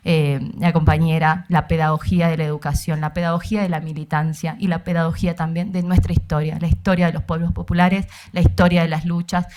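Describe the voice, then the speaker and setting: Woman giving a fired up political speech at a panel, lowish voice, lots of "eh"s. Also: level tone, fairly quick, hardly any pauses, darkish tone. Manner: impassioned, rallying, frequent fillers. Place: university auditorium.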